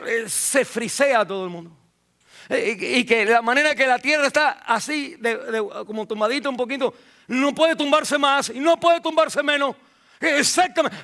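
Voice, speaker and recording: High-voiced man preaching with big swings. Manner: swings from loud, high preaching to low, quiet drops; many fillers and repeated words. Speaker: pastor. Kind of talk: sermon. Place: church.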